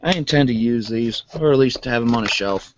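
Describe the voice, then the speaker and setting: Man, monotone voice, loose rambling unboxing chat, muffled lo-fi recording. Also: mid-range voice, brisk, noisy background. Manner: rambling, many fillers, calls own voice monotone. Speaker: vlogger.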